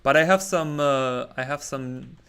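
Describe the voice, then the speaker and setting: A man's voice: medium pitch, a little slow, pushed and bright, clean tone. A young man from Germany chatting casually with viewers while he draws on a livestream, rambling and breaking off mid-word. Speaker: artist streaming a drawing session.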